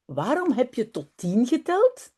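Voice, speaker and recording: A woman voicing a small excited boy in a slow storybook reading, with high, yelping lines. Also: slightly rough, full character voice. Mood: cross.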